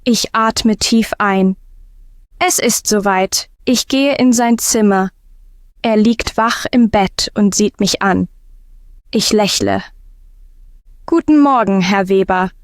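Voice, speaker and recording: A woman narrating a scripted first-person story for language learners in calm, simple short sentences. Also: mid-range voice, takes it slowly, no room sound, clean studio sound.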